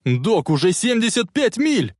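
A man voicing an excitable young man who shouts urgently and frantically to his friend. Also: on the high side, moderate pace, dry recording, studio quality. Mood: frantic yelling.

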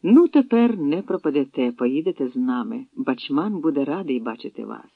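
A man's voice: on the high side, big pitch swings, moderate pace, gravelly, no room sound, exaggerated voice. Male reader doing a bold nomad raider leader, commanding voice; phone-like sound. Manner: commanding, hearty. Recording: tinny phone-like dry sound.

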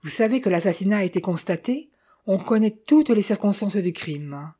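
A young clerk playing detective, self-important and quick to brag, as a woman narrator reads him, in a storybook tale. The voice is dark and mellow, with a breathy edge. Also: medium pitch, lively intonation. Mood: boastful. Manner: self-important, turning sheepish. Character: young male clerk, boastful yet easily shaken.

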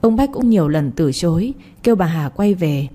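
Low husky woman narrating a story. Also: expressive, normal speed, mellow.

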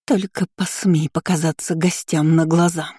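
A woman's voice: sits low, steady tone, normal speed, warm tone, husky, dry recording, clean studio sound. A woman reading an audiobook voices a spiteful, haughty young noblewoman who speaks with open contempt. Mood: threatening. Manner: sneering, contemptuous. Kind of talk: audiobook character voicing.

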